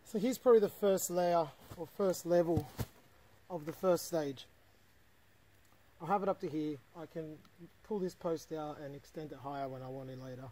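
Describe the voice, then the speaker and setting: A man's voice: fairly high pitch, moderate pace, dark tone, slight background noise, rough recording. A man in his thirties casually explaining a shelter build he is working on in a forest, thinking aloud as he goes. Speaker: bushcraft vlogger. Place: outdoors in a forest. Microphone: camera mic, outdoors.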